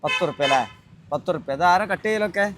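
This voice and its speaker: A man, hosting a casual vlog outdoors at a roadside stall and gently teasing children with questions. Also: high-pitched, fast, noisy background. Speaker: vlogger host.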